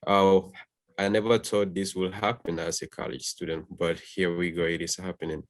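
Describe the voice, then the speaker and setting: A man's voice: deep voice, level tone, moderate pace, no room sound. A polite, composed young man from Gambia, introducing himself as a student guest on a video call. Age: young adult.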